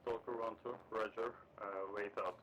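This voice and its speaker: Low-voiced man calling over a walkie-talkie. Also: flat delivery, moderate pace, noisy background. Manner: clipped radio procedure, spelling out grid numbers. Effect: over a walkie-talkie radio. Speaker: forward air controller on radio.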